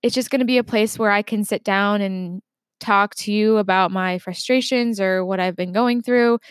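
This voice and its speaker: A woman's voice: mid-range voice, fairly even intonation, normal speed, clear, resonant tone, no echo. Chatty young woman, dry close sound. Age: 20s. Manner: chatty and reflective, with many restarts and fillers. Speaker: podcast host. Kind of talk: casual solo podcast intro. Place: home desk.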